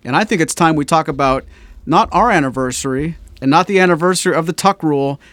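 A man co-hosts a casual podcast, briskly steering the talk with questions. His voice sits a little high for a man. The sound is dry and close. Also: fairly bright tone, dry recording. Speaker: podcast co-host.

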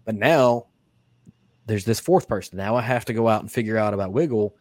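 A man's voice: on the low side, brisk, a little mellow, no room sound. A man hosting a whiskey podcast interview, talking in a rambling, casual way with many restarts and fillers. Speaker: podcast host.

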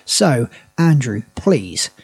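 A man's voice: mid-range voice, sing-song, drawn-out words, darkish tone, husky, soft background music. A man hosting a podcast in a casual, chatty way. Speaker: podcast host.

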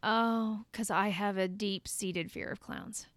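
A woman co-hosting a casual movie podcast, expressive and quick to agree, swearing casually. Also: medium pitch, no echo, studio quality. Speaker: podcast co-host.

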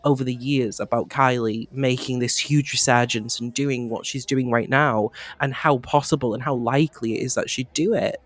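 A man's voice: mid-range voice, fairly even intonation, normal speed, hardly any pauses. A man co-hosting a podcast, talking in an earnest, gushing way and often restarting his phrases. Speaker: podcast co-host. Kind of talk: casual fan chat.

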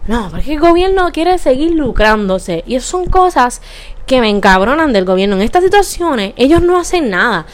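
A woman's voice: high voice, sing-song, moderate pace. A young woman with a Puerto Rican accent, ranting profanely in a casual monologue and slipping into English words. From Puerto Rico.

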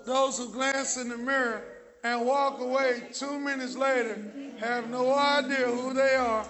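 A preacher man with a very high voice leads a lively call-and-response sermon. He exhorts the congregation, jokes with them, and shouts for their answers. Faint music sits underneath his words. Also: unhurried. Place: church sanctuary.

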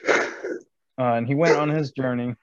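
A person reading scripture aloud in a casual Bible study, slow and halting. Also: medium pitch, fairly even intonation, dry recording, muffled recording.

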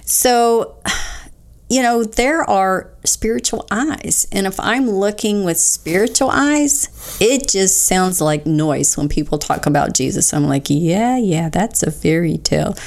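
A woman's voice: mid-range voice, expressive, takes it slowly. A woman co-hosting a recovery devotional, earnestly explaining scripture and leading prayer in a fervent, heartfelt way. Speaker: co-host of a recovery devotional show.

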